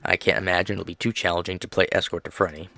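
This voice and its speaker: A man narrating a game playthrough, reading the text aloud and adding lively asides. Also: sits low, fast, vocal fry, no room sound, faint music behind. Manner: animated, reads aloud with asides. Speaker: game streamer.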